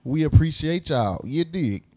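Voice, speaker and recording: A man's voice: fairly high pitch, lively intonation, measured pace, dark tone. A man hosting a casual podcast, joking and laughing often with his co-hosts. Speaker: podcast host.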